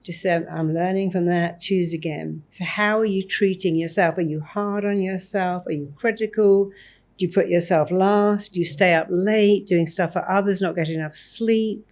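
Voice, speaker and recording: A woman therapist on a podcast interview, talking in an animated way and acting out examples of self-talk. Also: mid-range voice, normal speed. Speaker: therapist guest.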